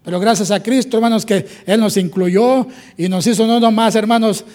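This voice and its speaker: A man's voice: high-pitched, fairly even intonation, moderate pace, warm tone. A man from Mexico with a Mexican Spanish accent preaching a sermon, often breaking in with calls to the brethren and amens. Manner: repetitive, calls "hermanos" and "amén" often. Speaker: pastor.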